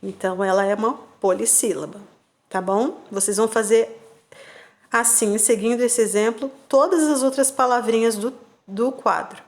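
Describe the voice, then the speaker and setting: A woman teacher, giving patient, slow remote-class instructions to young children and spelling out syllables. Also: on the high side. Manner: checks in with "tá bom?" and "combinado?". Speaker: primary school teacher.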